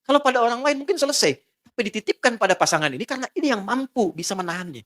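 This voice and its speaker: Male preacher, middle-aged, relaxed joking sermon, lively swooping pitch. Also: rapid-fire. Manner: relaxed, joking lecture with acted dialogue. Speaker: Islamic preacher.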